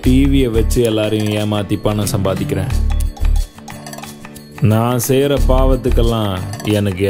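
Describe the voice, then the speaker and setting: An actor dubbing a jaded bookie who drinks and gambles, speaking in a weary, brooding, cynical way. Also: male voice, fairly low pitch, natural voice. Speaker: lead character in a dubbed film. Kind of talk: dubbed film dialogue and voice-over narration. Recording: film soundtrack with music behind.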